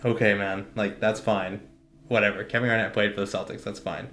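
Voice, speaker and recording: A young man co-hosts a podcast in an echoey room, rambling casually about sports with lots of "like" and other fillers and frequent laughter. His fairly low, level voice is brisk and a bit bright, with a little hiss or hum in the recording.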